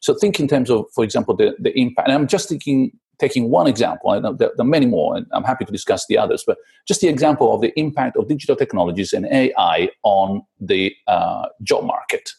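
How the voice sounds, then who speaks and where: Low-voiced, gravelly man; guest explaining ideas, halting and filler-heavy. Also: lively intonation, darkish tone. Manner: hesitant, many fillers and restarts. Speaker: guest author. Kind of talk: conversational explanation.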